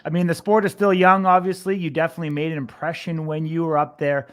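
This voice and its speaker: Male sports interviewer, slightly high voice, conversational, wordy and rambling with his questions. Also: level tone, fast.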